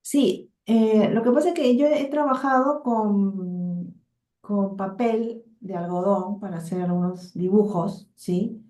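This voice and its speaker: A woman's voice: mid-range voice, takes it slowly, warm tone. A Peruvian woman asks a question tentatively. She keeps checking in with the listener as she talks. Her voice sounds roomy and echoey over the call. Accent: northern Peruvian Spanish. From Peru. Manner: hesitant, checks in with tag questions. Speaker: workshop participant. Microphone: video call.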